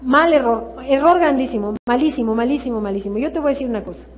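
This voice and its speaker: A woman's voice: high-pitched, fast, muffled recording. A woman with a Mexican accent giving a motivational sales seminar, emphatic and repetitive, firing off rhetorical questions. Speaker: sales trainer.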